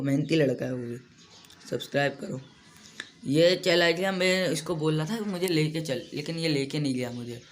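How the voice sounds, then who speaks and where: A young man giving casual, rambling commentary over his own mobile shooter gameplay, often poking fun at his own mistakes. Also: a little high. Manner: chatty, rambling, self-deprecating. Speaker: gaming YouTuber.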